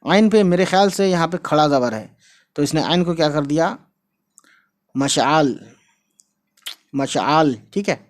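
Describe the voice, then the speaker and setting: A man's voice: fairly high pitch, animated. Chatty man teaching letter sounds. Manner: repeats words slowly, drawn out for pronunciation; chatty, checks in with "right?" and "guys". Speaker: Urdu teacher. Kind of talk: casual online language lesson.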